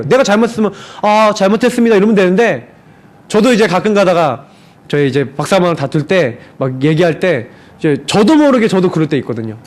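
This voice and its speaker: A man preaching a sermon in a high, ringing voice that climbs and falls in wide swoops. He acts out quoted lines and keeps asking his listeners rhetorical questions. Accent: Seoul Korean. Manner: asks the congregation rhetorical questions. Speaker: pastor.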